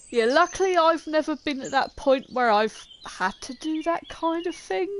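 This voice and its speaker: A woman's voice: sits high, slight background noise. A woman streaming a game from home, making self-mocking jokes, swearing freely and laughing often. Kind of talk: casual live gaming commentary.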